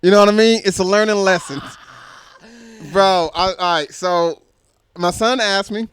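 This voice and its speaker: A man's voice: sits high, unhurried, clear, resonant tone. A young man with a Southern US accent, co-hosting a comedy podcast and telling a story with a lot of laughter and slang. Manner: animated, laughs often, says "bro" and "type shit". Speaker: podcast co-host.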